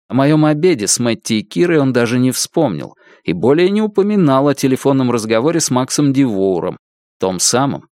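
A man reading an audiobook in measured, expressive scripted narration. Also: medium pitch, dry recording, studio quality.

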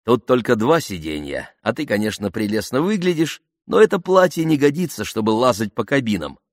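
A man voicing a boastful, cheerful young male aviator who talks loudly and exuberantly. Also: mid-range voice, sing-song, fairly quick, no room sound, studio quality, voice pushed up, lightly acted.

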